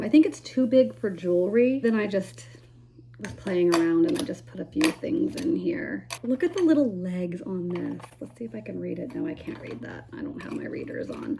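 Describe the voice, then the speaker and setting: A woman in a casual vlog, talking straight to her viewers in a chatty, rambling way. Her pitch sits in a middle range. Steady background noise is clearly audible under her voice. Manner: rambling, chatty, thinks aloud. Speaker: lifestyle vlogger. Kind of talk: casual vlog chat to camera.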